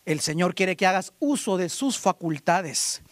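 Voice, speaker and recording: A male pastor with a strikingly high voice preaches a lively sermon. He tells the story with drama, acting out voices and swinging from loud calls to hushed asides. The sound is dry and close. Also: a little slow, dry recording.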